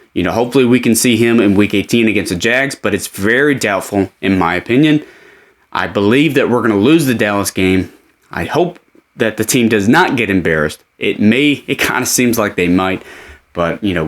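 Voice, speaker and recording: A man giving opinionated, conversational sports commentary as a podcast host, speaking emphatically from a fan's standpoint. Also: low voice.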